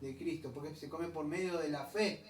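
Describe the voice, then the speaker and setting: Chatty pastor. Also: male voice, on the high side. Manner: chatty, digressive, explains Greek words slowly. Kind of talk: conversational sermon. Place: church hall. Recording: echoey room, distant mic, faint ambient noise.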